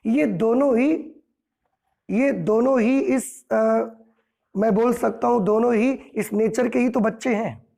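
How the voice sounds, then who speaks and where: A male physics teacher lectures with a high-pitched voice. His tone has a rough, gravelly edge. He explains patiently and keeps checking that his students follow with rhetorical questions. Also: warm tone. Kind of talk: classroom lecture.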